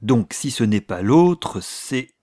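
A man's voice: medium pitch, big pitch swings, slow pace, warm tone. A man voicing a young officer who speaks in a strained, clipped way, reading dialogue for an audiobook. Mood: tense. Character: young male officer, ashamed and tense.

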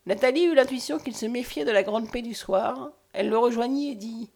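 Woman audiobook narrator, measured and expressive, slightly high voice. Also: vocal fry.

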